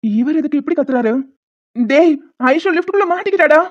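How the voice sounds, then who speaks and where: A woman's voice: sits high, lively intonation, fairly quick, lo-fi sound, background noise. A woman voicing a protective young man in a cartoon, urgent and reassuring. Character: protective young man rescuing his fiancée. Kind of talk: cartoon voice acting.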